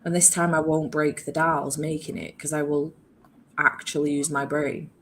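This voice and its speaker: A woman's voice: low-pitched, flat delivery, normal speed, fairly bright tone. A British woman chatting casually and informally on a livestream, sounding ill and run-down with a cold, sweary and self-deprecating. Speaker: guest on a readathon livestream. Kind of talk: casual chat. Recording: home livestream with faint background noise.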